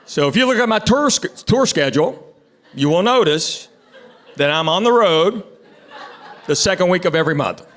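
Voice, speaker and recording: Middle-aged male comic, slightly high voice. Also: animated, normal speed, long pauses, a bit bright. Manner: conversational storytelling with acted-out dialogue. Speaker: stand-up comedian. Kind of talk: stand-up comedy.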